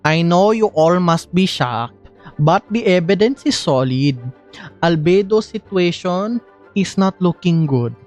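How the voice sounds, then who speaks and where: A man voicing a composed female knight leader from a game, measured and formal. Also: high voice, animated, darkish tone, soft background music. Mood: grave. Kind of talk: fan voicing of game dialogue.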